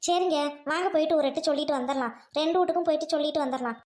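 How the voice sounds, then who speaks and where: A woman playing a gentle middle-aged village wife, speaking in a mild, coaxing way. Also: high-pitched, very fast, natural voice.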